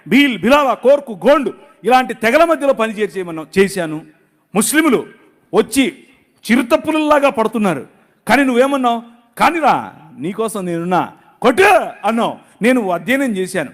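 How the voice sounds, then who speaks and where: Middle aged pastor guy preaching all fired up, high voice swinging up and down. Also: animated, a little fast. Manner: emotional, dramatic preaching with rhetorical questions. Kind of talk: impassioned sermon.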